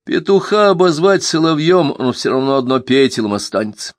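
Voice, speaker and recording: A man voicing an old, gentle and tired holy man who speaks patiently, in an audiobook. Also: a little high, animated, fairly quick, no echo, studio quality, voice pushed up, close to an everyday voice. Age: older. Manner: soft, patient, calls others "son".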